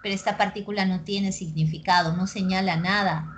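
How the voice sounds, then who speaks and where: Peruvian woman teaching a lively class. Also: medium pitch, slight background noise. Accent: Peruvian Spanish. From Peru. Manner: lively, keeps checking understanding with quick tag questions. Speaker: pre-university language teacher. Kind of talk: recorded class lecture.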